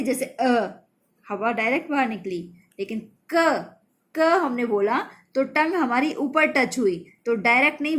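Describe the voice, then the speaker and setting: A woman teaching a children's grammar lesson, slow and patient, spelling out letters and sounds one by one. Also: sits high, fairly bright tone.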